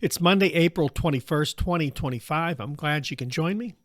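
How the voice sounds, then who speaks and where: A middle-aged American man hosts a political news commentary show, his voice a little high and raspy from allergies. He speaks steadily and measuredly, often saying "uh." The studio-quality recording has no room sound.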